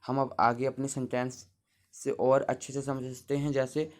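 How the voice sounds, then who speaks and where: Male teacher, mid-pitched, patient, spells words out, talks to kids at the board. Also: level tone, unhurried, darkish tone. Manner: patient, explains step by step, spells words out letter by letter; talks to the class as children. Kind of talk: Hindi grammar lesson at a board.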